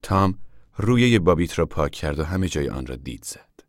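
Very deep-voiced male narrator. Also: expressive, no room sound, studio quality. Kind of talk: scripted audiobook narration.

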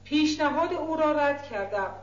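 A woman's voice: high-pitched, expressive, roomy sound, dull audio. A woman reading the part of a distraught, defiant young woman who speaks in broken outcries. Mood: desperate. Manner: broken, crying out.

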